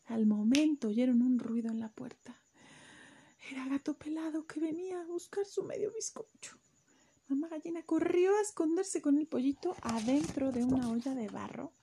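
A woman telling a children's story to a child, animated and full of sound effects. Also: sits high, moderate pace, a little hiss or hum.

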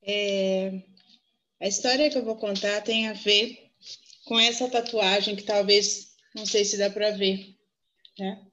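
Woman researcher, bright voice, earnest and reflective, speaking over a video call. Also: mid-range voice, steady tone, slow pace. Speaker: researcher sharing a personal story. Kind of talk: personal storytelling on a video call.

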